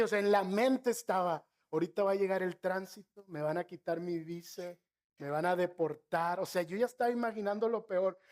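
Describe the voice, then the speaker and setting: Preaching with a voice that sits high and sounds a little mellow, a middle-aged man with a northern Mexican accent tells stories in his sermon. The pastor adds asides to the congregation and eases his pace to stress important phrases.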